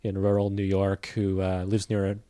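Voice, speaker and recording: A man with a fairly low voice talks through films in a relaxed, conversational way. He is thoughtful and hesitant, often restarting with "uh" and "um." The recording is close and dry. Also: normal speed, clear, resonant tone, no echo. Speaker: film critic reporting from a festival. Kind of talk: casual conversational review.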